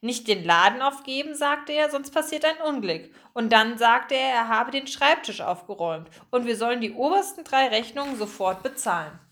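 A woman voicing a jittery, nervous woman shop helper who talks with a shaky, shrill voice. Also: animated, normal speed, hardly any pauses, fairly bright tone. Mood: pleading. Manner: shaky, shrill, high-strung.

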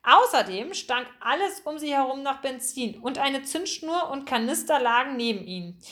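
A woman voicing a tall, elegant older gentleman in a storybook, courteous and earnest. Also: high-pitched, animated, moderate pace.

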